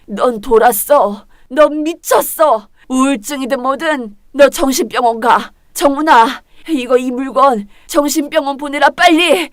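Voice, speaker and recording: A woman voicing a furious middle-aged mother who yells as she disowns her daughter. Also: a little slow, hardly any pauses, no room sound, studio quality. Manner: shrill, yelling, scolding.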